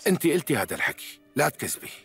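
A husky, stern police officer. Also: male voice, fairly high pitch, sing-song, racing, a bit bright, soft background music, full character voice. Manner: presses hard with blunt questions. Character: stern male police officer questioning a suspect. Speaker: dubbing actor. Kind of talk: Arabic dub of a TV drama.

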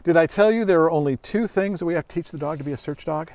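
This is a middle-aged guest presenter and search dog handler speaking quickly in a slightly high, darkish voice, recorded dry. He's outdoors in a grassy forest clearing, walking kids through a laid-back, folksy dog demonstration full of explanations and questions.

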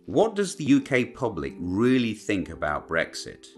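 A man narrating a documentary in a measured, scripted way. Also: fairly low pitch, huge pitch swings, faint music behind.

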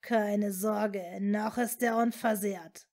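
A woman voicing an evil male dark wizard who talks in a cold, mocking, hissing way. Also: mid-range voice, steady tone. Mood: scornful. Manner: slow, scornful, hissing.

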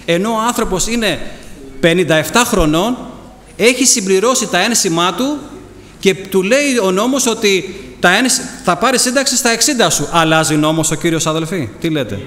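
High-voiced fervent male preacher, echoey hall. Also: lively intonation, a bit bright. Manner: fervent, rhetorical questions, repeated thanksgiving. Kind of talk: sermon with personal testimony. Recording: echoey hall, faint background noise.

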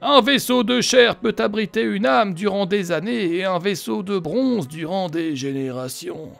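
A man voicing a solemn ancient spirit from a video game, declaiming slowly. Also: high voice, gravelly, fairly bright tone, soft background music, pitched above the performer's own voice, full character voice. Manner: slow, declaiming.

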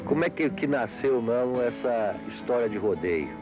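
A man's voice: mid-range voice, expressive, normal speed. A middle-aged man with a Brazilian accent, interviewing conversationally as a TV reporter on a handheld mic. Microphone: handheld reporter microphone. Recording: guitar music behind.

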